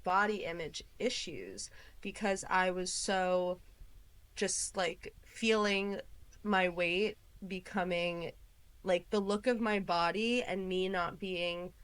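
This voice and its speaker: Chatty young woman, lower voice. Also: fairly bright tone, clear, resonant tone. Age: 20s. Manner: chatty, many fillers, quoting herself. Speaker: podcast guest. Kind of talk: casual interview chat.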